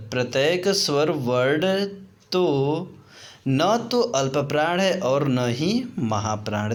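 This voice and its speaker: A man gives a grammar lesson at an unhurried pace. His voice sits a little high for a man. He repeats terms, asks his listeners questions and drops in the odd English word. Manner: slips in English words. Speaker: teacher.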